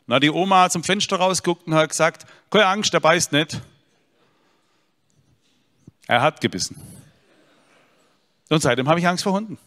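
A man's voice: fairly high pitch, expressive, brisk, pauses often, fairly bright tone. A man giving a personal storytelling sermon, talking straight to his listeners with earnest, dry humor. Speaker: speaker giving an inspirational talk. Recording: long hall reverb.

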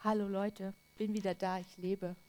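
A woman preacher voicing Lazarus, a man raised from the dead, chatting offhandedly and then shouting for joy. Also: medium pitch, flat delivery, normal speed, pitched below the performer's own voice, lightly acted. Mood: offhand.

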